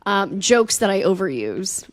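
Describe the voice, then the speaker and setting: Young woman podcast cohost, normal pitch, laughs at her own jokes, dry close mic. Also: big pitch swings, a little slow, no room sound. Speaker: podcast co-host. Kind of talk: casual chat.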